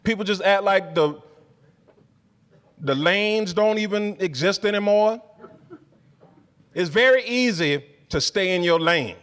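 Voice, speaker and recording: High-voiced ranting stand-up comedian. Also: male voice, slow pace, long pauses, clear, resonant tone, in a large hall. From Spokane area resident since 2001. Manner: profane, ranting, mocks locals in shouted voices. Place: comedy club.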